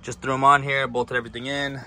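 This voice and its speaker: A man's voice: mid-range voice, fast talker. Laid-back young man vlogging outdoors. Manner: relaxed, chatty, addresses viewers as "boys". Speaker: car vlogger. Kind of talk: casual vlog chat. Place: outdoors by a car in hot weather. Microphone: handheld camera.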